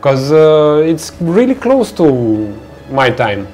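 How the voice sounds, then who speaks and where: Young Romanian-accented male streamer, unhurried chatty delivery, headset mic, light music bed. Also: a little high. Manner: chatty, reads out and answers viewer chat, relaxed unhurried, filler-heavy. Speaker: livestream host. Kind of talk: casual live-stream chat while 3D modeling.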